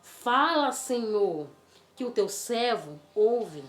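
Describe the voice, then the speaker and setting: A woman's voice: on the high side, very animated, slow pace, slight background noise. A woman voicing an obedient, eager young boy in a storybook telling, speaking earnestly. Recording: roomy with faint music.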